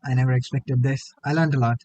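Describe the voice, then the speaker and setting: A man, hosting a casual interview over a video call, slangy and quick to laugh. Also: medium pitch, fairly even intonation, mellow, dry recording, muffled recording. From India. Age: 20s. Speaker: host.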